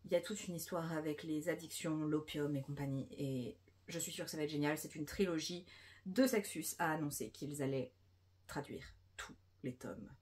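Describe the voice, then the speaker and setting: A woman with a slightly low voice talks through her latest book purchases in a relaxed vlog. She is chatty and enthusiastic, with plenty of fillers, and a little tired. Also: normal speed. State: a bit tired. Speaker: book vlogger. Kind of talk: casual book haul vlog.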